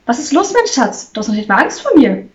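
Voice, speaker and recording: Woman doing a shrill, manic axe-swinging wife. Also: brisk. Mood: wild. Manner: shrill, excitable and mocking. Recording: slightly distant, muffled recording.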